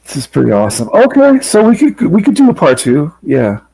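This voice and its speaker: A man's voice: fairly high pitch, wildly swooping pitch, a little fast, vocal fry, dark tone, slightly rough, dry recording, rough recording. A man hosting a late-night stream, reading chat comments aloud and chatting casually with a co-host, laughing often. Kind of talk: casual chat while watching videos.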